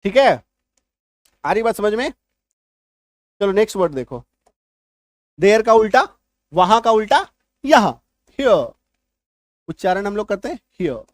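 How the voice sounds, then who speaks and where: पुरुष अंग्रेज़ी शिक्षक, सूखी नज़दीकी आवाज़. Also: male voice, high-pitched, big pitch swings, measured pace, long pauses, dry recording, studio quality. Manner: patient, repeats words, checks understanding often. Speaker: English teacher. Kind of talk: online spoken English lesson.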